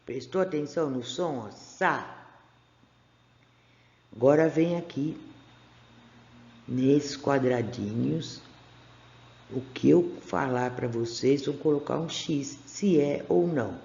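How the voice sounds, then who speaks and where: A female primary school teacher with a Brazilian Portuguese accent gives a recorded remote class to first graders, filming a workbook. Her voice is extremely low, slow, gravelly and warm, and she patiently stretches syllables while asking the class questions. The room is echoey and the sound lo-fi.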